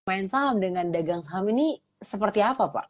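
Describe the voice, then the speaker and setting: A woman's voice: medium pitch, expressive, brisk. A woman hosting a casual interview, attentive and affirming, reading out viewer questions. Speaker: host.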